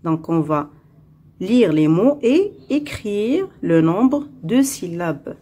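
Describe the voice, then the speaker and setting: A woman teaching a French phonics lesson, with an Arabic-speaking accent, saying each word slowly twice and counting its syllables. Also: medium pitch, very animated, warm tone, slightly rough.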